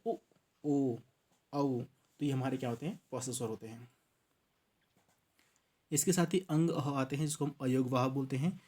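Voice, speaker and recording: Man, teacher, Uttarakhand accent, exam-prep lesson, step-by-step explaining, frequent check-ins. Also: mid-range voice. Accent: Hindi from Uttarakhand. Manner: explaining step by step, often repeating "ठीक है" and restarting words.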